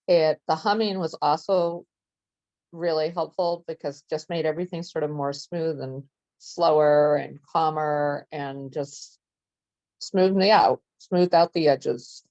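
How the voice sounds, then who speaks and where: A woman's voice: low voice, a little mellow, no echo, lo-fi sound. A woman in an art workshop, earnestly describing how the exercise helped her. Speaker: workshop participant. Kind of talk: casual group discussion.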